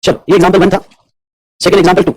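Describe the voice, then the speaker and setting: A man's voice: high voice, level tone, fast, slightly rough. A man teaching a classroom lecture on tax law. He mixes Hindi and English and keeps checking whether his students are following. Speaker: commerce teacher.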